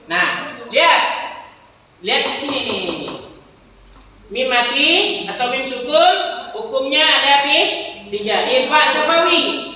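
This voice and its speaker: A woman's voice: high-pitched, expressive, takes it slowly, long pauses, pushed and bright. A woman teaching Quran recitation rules to students, patiently asking questions, counting beats aloud and chanting example verses. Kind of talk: tajweed lesson with students. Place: classroom with students. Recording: echoey room, far from the mic.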